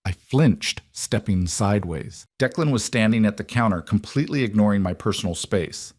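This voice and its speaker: A man narrating a first-person romance story in a steady, even reading. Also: lowish voice, normal speed, no echo, clean studio sound.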